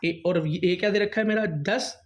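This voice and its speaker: Speaking a little slowly in a high voice, a man gives a class a science lesson. He fires questions at the students, addresses them as "beta", then supplies the answers himself.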